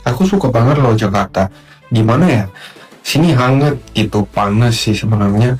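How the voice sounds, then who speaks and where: Male vlogger from the Netherlands, chatty and informal, raspy edge, mid-range pitch. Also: expressive, normal speed, darkish tone, faint music behind. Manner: colloquial, chatty. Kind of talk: casual chat to viewers.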